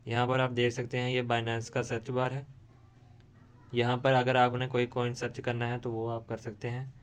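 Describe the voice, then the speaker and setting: Tutorial host, male. Smooth, even delivery, explains step by step and often restarts phrases. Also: medium pitch, moderate pace. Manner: steady explaining with frequent restarts. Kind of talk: screen-recorded tutorial.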